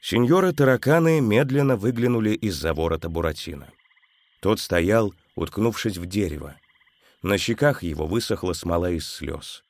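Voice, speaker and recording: A male storyteller with a low, deep voice reads a children's tale aloud. His delivery is expressive and grows softer at the sad moments, recorded close and dry. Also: moderate pace, dry recording. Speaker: narrator.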